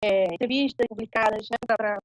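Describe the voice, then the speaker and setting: A woman's voice: mid-range voice, fairly quick, dry recording, poor audio. A woman moderating an online academic seminar, talking hesitantly with many fillers and tag questions.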